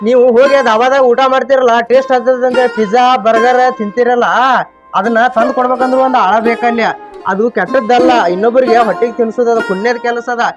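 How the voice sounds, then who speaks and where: High loud hawker man. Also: steady tone, fast, over music. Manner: loud hawker's calls, scolding and lecturing. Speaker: rat poison street seller. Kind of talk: comedy sketch acting. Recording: dull lo-fi sound.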